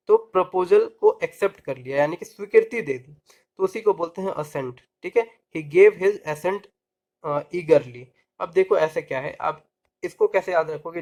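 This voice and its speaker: Brief: higher-voiced male tutor, question-and-answer teaching, spells words slowly. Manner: explains with rhetorical questions and mnemonics. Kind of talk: vocabulary lesson.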